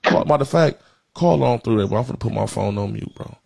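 Speaking fast and expressively in a mid-range, gravelly, darkish voice with no room sound, this prank caller in his thirties pushes his point in street slang, repeating himself in a streetwise way. He's in an indoor streaming studio with a backdrop, close on a stand-mounted podcast mic, headphones on.

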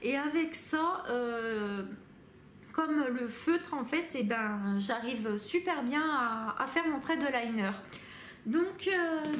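In a high, unhurried voice, a beauty vlogger chats her way through a casual makeup review, full of fillers, hesitations and restarts. She seems to be recording in an echoey room at home, with a faint hum of ambience in the background.

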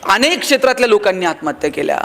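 Man, high voice, motivational speaker, storytelling, acts out quoted voices. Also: sing-song, rapid-fire, gravelly, a bit bright. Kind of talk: public motivational speech.

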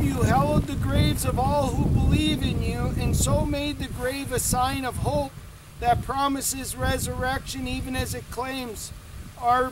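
Slow graveside prayer from a man, wind-blown. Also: extremely high pitch. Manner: measured, formal liturgical recitation. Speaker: priest leading a graveside committal. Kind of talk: solemn graveside prayer, read aloud. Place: outdoors in a snowy open cemetery. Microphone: far camera microphone. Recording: distant camera mic, loud wind noise. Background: loud wind noise.

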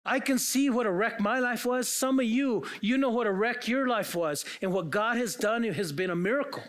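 A man's voice: very high-pitched, moderate pace, fairly bright tone. A man preaching a sermon as pastor, earnest and full of rhetorical questions put to the congregation. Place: church.

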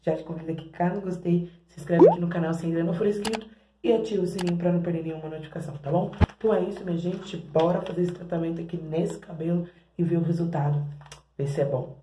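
A woman's voice: on the low side, fairly even intonation, fast, echoey room, noisy background. A Brazilian woman vlogging in her bathroom as she tests hair products, chatting to her viewers. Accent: Brazilian Portuguese. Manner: chatty, keeps addressing viewers as "gente". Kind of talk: casual product-testing vlog. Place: home bathroom.

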